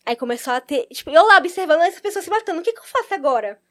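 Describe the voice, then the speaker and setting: A woman telling a long personal story in casual chat, animated and acting out the lines of the people in it. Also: extremely high pitch, rapid-fire. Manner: animated, acts out quoted lines.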